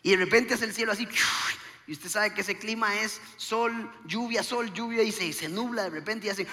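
A man doing stand-up storytelling, acting out each line of dialogue in an animated way. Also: high voice, normal speed, in a large hall. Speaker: comedian.

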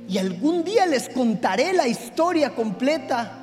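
A man preaching a sermon to his congregation, swinging from hushed confession to shouting. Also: extremely high pitch, big pitch swings, unhurried. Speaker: pastor. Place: church hall. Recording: reverberant hall with faint music.

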